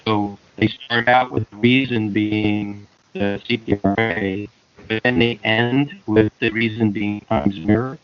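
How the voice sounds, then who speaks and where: A man chairing an online public hearing, speaking haltingly with many fillers while his audio keeps cutting out. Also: lowish voice, steady tone, soft background music. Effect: choppy audio that keeps cutting out. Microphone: remote call connection. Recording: muffled lo-fi online call with dropouts.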